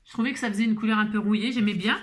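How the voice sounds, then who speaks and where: A French-accented woman hosts a casual card-making video, chatting while she works, thinking aloud with many fillers and joking at her own expense. She talks very fast in a mid-range voice with fairly even intonation.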